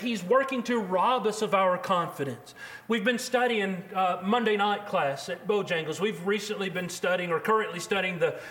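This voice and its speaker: A man preaching a sermon, earnest and measured, slowing down to quote scripture. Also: sits high, a bit bright.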